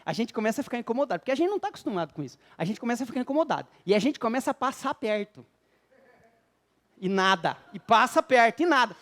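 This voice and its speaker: A man's voice: very high-pitched, sing-song, fast, fairly bright tone. A Brazilian man giving a spiritist lecture to a live audience, quizzing the listeners and telling jokey stories about married life. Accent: Brazilian Portuguese. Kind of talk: humorous public lecture.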